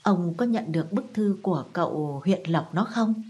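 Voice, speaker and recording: A woman's voice: lowish voice, animated, moderate pace, warm tone, husky, dull audio. A woman voicing an elderly, proud mandarin's widow who speaks formally and probes with feigned friendliness. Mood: probing.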